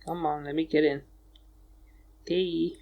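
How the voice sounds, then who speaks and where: A man's voice: a little high, little pitch movement, slow pace, vocal fry, phone-quality sound. Male podcast co-host; casual, teasing, profane banter. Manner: joking, bickering, swears freely. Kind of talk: casual chat.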